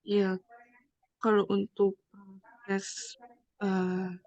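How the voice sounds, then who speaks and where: A young woman student giving a class presentation whose voice keeps cutting in and out on a frozen video call, hesitant and halting with many fillers. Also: medium pitch, completely flat delivery, a little mellow, dry recording. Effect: choppy audio cutting in and out on a frozen video call. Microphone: computer or phone mic on a video call. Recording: dull lo-fi online call audio.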